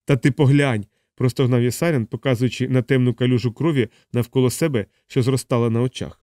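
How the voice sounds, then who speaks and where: A man narrating a novel aloud in an even, measured reading voice. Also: medium pitch, no echo, studio quality. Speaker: audiobook narrator. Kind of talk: scripted narration.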